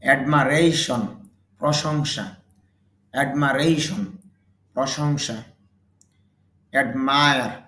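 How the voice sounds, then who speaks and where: A man's voice: mid-range voice, fairly bright tone, echoey room. A man teaching English vocabulary, saying each word and its meaning twice and explaining pronunciation rules. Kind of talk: slow vocabulary drill lesson.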